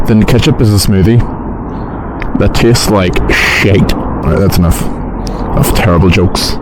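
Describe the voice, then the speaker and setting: A man's voice: on the low side, a little slow. A man chatting casually from inside a motorcycle helmet as he rides, joking, swearing and rambling to himself into a helmet mic. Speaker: motovlogger. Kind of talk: casual motorcycle vlog chat while riding. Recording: loud traffic and vehicle noise.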